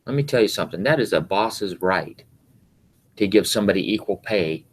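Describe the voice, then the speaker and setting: Low-voiced man, rambling and halting. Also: expressive, a little hiss or hum. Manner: rambling, halting, many fillers. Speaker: podcast co-host, husband. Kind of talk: casual chat about scripture and work.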